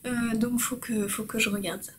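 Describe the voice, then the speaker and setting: A woman's voice: on the high side, steady tone, normal speed, a little hiss or hum, low-quality recording. A woman hosting a crafting podcast, chatting casually and cheerfully while showing her work, with frequent hesitations and fillers. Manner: cheerful and self-mocking. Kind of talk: casual show-and-tell chat.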